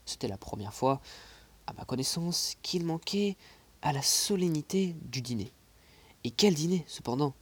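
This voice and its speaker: A man reading a classic novel aloud, expressive, dropping into soft whispered passages and adding small asides. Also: a little high, normal speed, husky. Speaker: audiobook reader.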